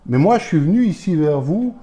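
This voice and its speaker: A pastor with a Belgian French accent preaches in a slightly high, sing-song voice that runs a little fast and carries a dark tone. He emphatically fires rhetorical questions at his congregation.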